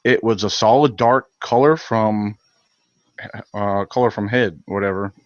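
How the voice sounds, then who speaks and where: A man's voice: fairly low pitch, unhurried, no room sound, lo-fi sound. A man hosting a live stream, reading viewer comments aloud and giving blunt, heated opinions, with many fillers and restarts. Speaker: channel host reading live chat.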